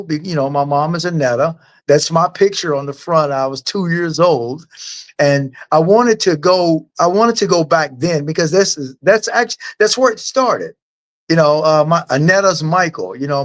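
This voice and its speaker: A man, a guest author, answering interview questions in a rambling, halting and earnest way. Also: a little high.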